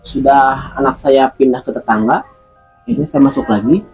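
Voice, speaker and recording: A man's voice: mid-range voice, huge pitch swings, normal speed, vocal fry, a little mellow, faint music behind, low-quality recording. A man guest in an interview, recounting a personal experience in a hesitant way, repeating words and using many fillers.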